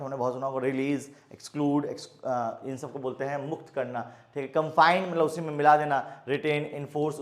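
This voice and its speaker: A man teaching a lively online vocabulary lesson, mixing Hindi and English, with playful jokey asides and a steady "okay" between words. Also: on the high side, echoey room. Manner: lively, mixes Hindi and English, repeats "ठीक है" often.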